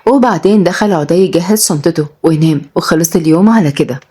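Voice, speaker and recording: A woman narrating a scripted romantic comedy story at a brisk clip. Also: fairly low pitch, dark tone, breathy edge.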